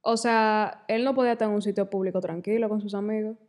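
A woman co-hosting a podcast in relaxed casual chat, with lots of fillers. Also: mid-range voice, fast talker. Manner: chatty, frequent fillers. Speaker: podcast co-host.

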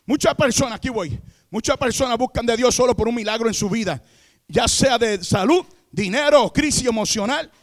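A Puerto Rican man preaching a fervent sermon, peppered with amén and aleluya, who has the congregation repeat after him and builds to shouts. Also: extremely high pitch, fairly quick. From Puerto Rico. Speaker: pastor.

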